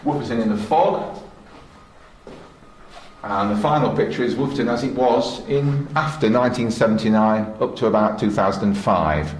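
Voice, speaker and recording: With a mid-range voice at a moderate pace, this middle-aged or older man gives a matter-of-fact, explanatory walkthrough on an informal technical tour. The space sounds echoey, with a little background noise.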